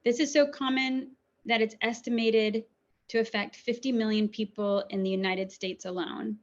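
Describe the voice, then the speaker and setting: A woman's voice: fairly high pitch, steady tone, moderate pace. Woman doctor giving a webinar talk. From New Zealand. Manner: warm, conversational, frequent ums. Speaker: urologist. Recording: dull lo-fi webinar audio.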